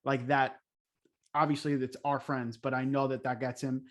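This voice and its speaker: A man's voice: medium pitch, little pitch movement, normal speed, fairly bright tone. A young man co-hosting a casual podcast, steering the chat with questions and fillers. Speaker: podcast co-host.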